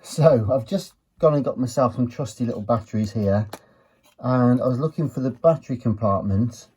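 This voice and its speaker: Examining a gadget in his retro electronics teardown video, a British host chats casually and thinks out loud as he works. He has a mid-range, husky voice with a dark tone.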